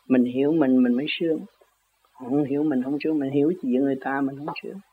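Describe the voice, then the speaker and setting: A man's voice: mid-range voice, breathy edge. An older man in a casual, rambling monologue, chuckling often as he argues about where words come from. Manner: chuckling, argumentative, folksy word-play. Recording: tinny phone-like audio.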